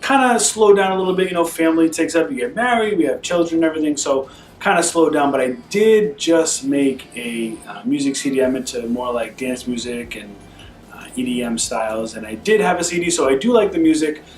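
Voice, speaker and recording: A man answering questions as a guest in a casual couple Q&A at home, relaxed and easygoing in his phrasing. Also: fairly high pitch, brisk, a little hiss or hum. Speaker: guest husband. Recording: roomy, distant camera sound.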